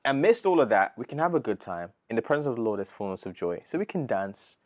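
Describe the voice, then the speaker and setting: In an interview, a British gospel artist aged thirty talks fast in a mid-range voice, earnestly and casually, packing in slang and lots of "bro." He comes across as animated, and the recording is dry.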